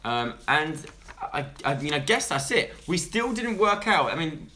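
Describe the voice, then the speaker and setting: Young man, comic co-host, animated and bright. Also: fairly high pitch, measured pace, a little hiss or hum. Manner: excitable, jokey, reads viewer messages. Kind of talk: casual comedic chat.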